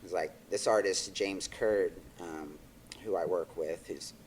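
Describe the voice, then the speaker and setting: His voice is deep and unhurried, with a little hiss or hum in the recording. A record label owner and artist manager in his thirties, he's a Texan whose accent has largely faded, rambling casually as a podcast guest with frequent fillers and restarts.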